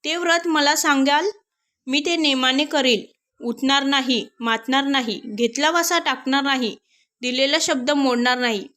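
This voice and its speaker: A woman's voice: high voice, steady tone, a little slow, sharp tone. A woman voicing a timid young household maid who talks anxiously and pleads in a storybook tale. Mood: pleading.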